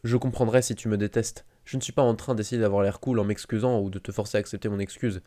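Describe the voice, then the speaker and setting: A man voicing a clever, intense eleven-year-old boy wizard who talks in an earnest, quick way, read in a fan audiobook. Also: fairly low pitch, steady tone, dark tone, natural voice. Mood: remorseful.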